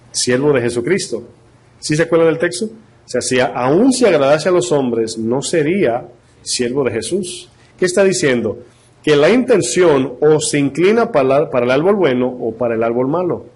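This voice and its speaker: A man preaching a sermon as pastor, lively and full of rhetorical questions to the congregation. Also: a little high, husky.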